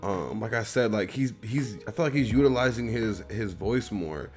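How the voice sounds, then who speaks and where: Low-voiced Midwestern man reviewing an album. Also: moderate pace, faint music behind. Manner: loose, rambling, profane. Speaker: host.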